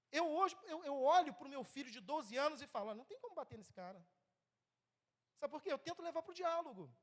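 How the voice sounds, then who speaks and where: Lively Brazilian man preaching a sermon. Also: very high-pitched. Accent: Brazilian Portuguese. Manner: conversational, asks the congregation "né?" often; lively, swings between loud and soft. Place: church.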